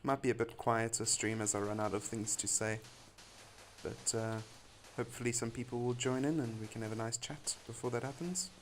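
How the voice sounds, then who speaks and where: A man's voice: mid-range voice, fairly even intonation, brisk. Guy live streaming a block game, rambly and chatty, mid voice, bit of faint noise behind. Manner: rambling, chatty, laughs often. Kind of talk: casual live-stream chat while gaming.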